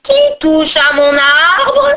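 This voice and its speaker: A woman voicing a hideous old female ogress who steals children, slow, loud and growling in a storybook tale. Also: high-pitched, big pitch swings, faint music behind, voice pushed up, full character voice. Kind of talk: storybook narration.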